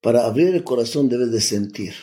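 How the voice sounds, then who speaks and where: Older man telling his story, halting. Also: mid-range voice, mellow. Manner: halting, restarts often, salty slang. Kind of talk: personal storytelling, casual.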